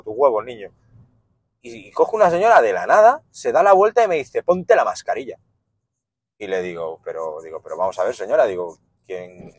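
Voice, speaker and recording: Speaking in a husky, fairly low voice with no echo, this man hosts a podcast and rambles through stories, swearing freely and voicing each character with animation.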